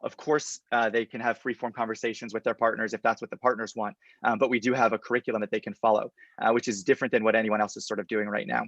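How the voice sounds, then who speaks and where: A man, answering questions in a confident startup pitch, explaining point by point on a video call. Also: level tone, fast, gravelly, fairly bright tone, no echo, dull audio. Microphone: computer mic on a video call.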